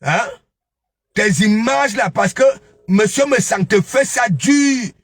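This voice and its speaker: A man's voice: high voice, animated, slow, a bit bright, husky, dry recording. A man giving a taunting, scolding commentary, mocking his target and repeatedly asking "hein?". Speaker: online gossip commentator. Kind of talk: ranting live commentary.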